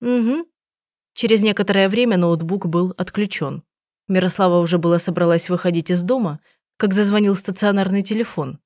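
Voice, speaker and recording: A woman reads an audiobook in an even, measured way. Her voice sits fairly low, and the recording is close and dry with no room sound. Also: dry recording. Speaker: audiobook narrator. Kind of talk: scripted narration.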